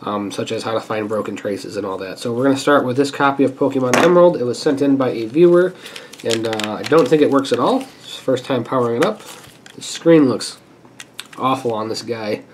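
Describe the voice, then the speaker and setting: A repair channel host with a mid-range, fairly quick voice sounds stuffy from a sinus infection. He chats in a relaxed way and thinks aloud while doing a hands-on repair at an indoor workbench, with background noise in the recording.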